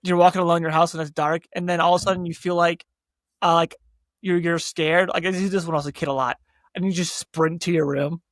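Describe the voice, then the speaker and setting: A man's voice: fairly high pitch, little pitch movement, quick pace, dry recording, clean studio sound. A man chatting casually as co-host of a horror reading, rambling with lots of likes and you-knows. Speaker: co-host reader. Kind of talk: casual chat between readings.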